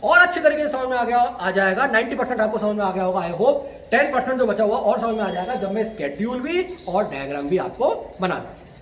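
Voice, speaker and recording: A man's voice: sits high, lively intonation, a little fast, a bit bright, echoey room, slight background noise. A man teaching economics, explaining step by step and answering his own questions, mixing in English terms. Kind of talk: classroom lecture.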